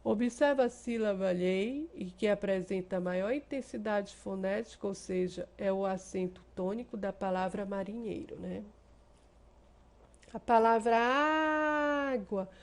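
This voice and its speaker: Woman, Brazilian accent, schoolteacher, gravelly fry, explains step by step, checks in with the class. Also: medium pitch, dark tone. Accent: Brazilian Portuguese. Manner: stretches out example words slowly for emphasis. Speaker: teacher. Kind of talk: remote class lesson.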